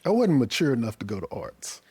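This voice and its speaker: A man's voice: medium pitch, big pitch swings, quick pace, darkish tone, breathy edge, no echo. An American man from Dallas hosting a casual chat, effusive and often repeating his words. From Dallas, Texas, US. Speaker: podcast host and interviewer.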